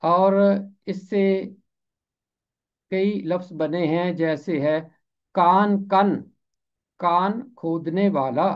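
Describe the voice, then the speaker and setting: Slow, deliberate man teaching pronunciation. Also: high-pitched, dull audio. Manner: deliberate, repeats each word slowly for clarity. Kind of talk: explanatory lesson on word pronunciation.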